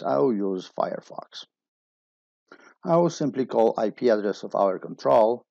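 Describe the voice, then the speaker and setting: A man with a low, gravelly and slightly husky voice walks through a technical setup step by step. The recording is dry and a little dull, like a plain voice-over. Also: no room sound. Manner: steady step-by-step explaining. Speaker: instructor.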